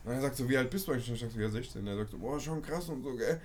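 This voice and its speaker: A man's voice: medium pitch, very fast, a little mellow, slight background noise. A young man, casually telling a story in a podcast chat and peppering it with street slang.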